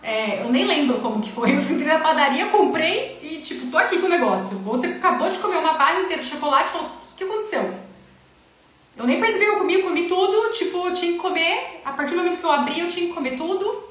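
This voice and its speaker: A woman giving an animated talk to viewers, asking them questions and acting out what parents say. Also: very high-pitched, quick pace. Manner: animated, asks listeners questions, acts out parents' lines. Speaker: speaker on eating habits. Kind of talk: live-stream talk to viewers. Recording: very echoey room.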